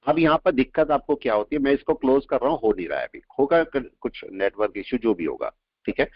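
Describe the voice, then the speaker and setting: Male instructor, mid-pitched, runs a live class, keeps quizzing students; muffled dry recording. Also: animated, no room sound. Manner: quizzing students with quick questions. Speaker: trading instructor. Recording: dull lo-fi audio, dry.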